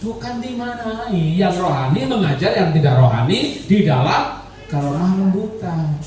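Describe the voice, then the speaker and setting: A man's voice: fairly high pitch, animated, normal speed, darkish tone. A male pastor preaching a humorous, conversational sermon who keeps acting out little quoted exchanges. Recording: echoey hall from a distance.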